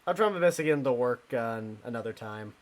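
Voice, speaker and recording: A man's voice: medium pitch, animated. A young man streaming a ghost-hunting game live, chatting casually with his viewers and laughing easily. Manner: chatty, talks to chat, quick laughs.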